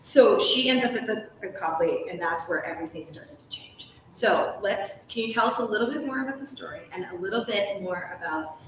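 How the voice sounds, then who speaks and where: A woman in her thirties hosts a live interview chat, speaking at a medium pitch in a brisk, animated way with hardly any pauses. As interviewer she sounds enthusiastic and emphatic, dropping casual "likes" often. The recording comes from a large indoor hotel room, echoey with a distant mic and faint noise.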